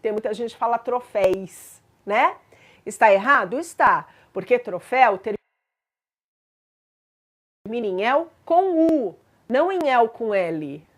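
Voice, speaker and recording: A woman's voice: fairly high pitch, animated, unhurried. A woman teaching grammar in a patient explanatory lesson, spelling out examples and checking in with listeners.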